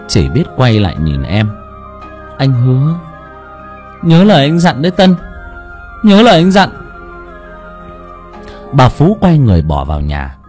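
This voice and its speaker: A man's voice: medium pitch, mellow. A man narrating an audiobook story dramatically. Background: faint music.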